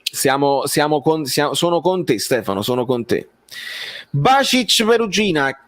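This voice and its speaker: Casting: male football streamer, higher-pitched voice, conversational and halting, repeats himself while replying to a live chat. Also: big pitch swings, fairly bright tone. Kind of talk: casual live-stream chat, reading and answering viewer comments.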